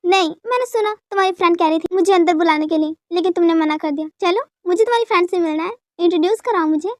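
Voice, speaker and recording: A woman's voice: very high voice, quick pace, no echo, studio quality. A woman voicing V, a pleading boyish husband. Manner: coaxing, soft begging. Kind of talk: dubbed fan story, all voices by one reader.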